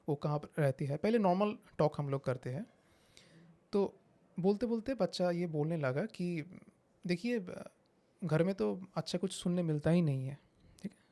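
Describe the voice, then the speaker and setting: Mellow-voiced psychiatrist explaining calmly. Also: male voice, high voice. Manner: measured, explains with examples, mixes English phrases. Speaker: psychiatrist guest. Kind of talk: explanatory interview talk.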